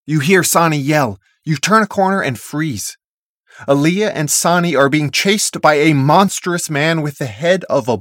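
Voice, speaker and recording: A narrator reading an interactive second-person adventure story in an expressive, dramatic way. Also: medium pitch, no room sound, studio quality.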